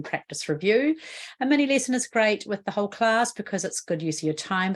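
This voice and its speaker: A woman with a New Zealand accent explaining a spelling rule in an instructional video lesson, patient and explanatory, often asking the viewer questions. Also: lowish voice. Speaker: literacy educator.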